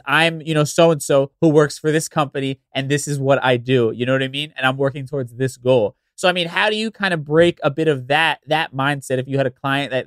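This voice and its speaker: A man's voice: mid-range voice, a bit bright, no echo, clean studio sound. A man hosting a casual interview, chatty and rambling, with lots of fillers and restarts. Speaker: interview host.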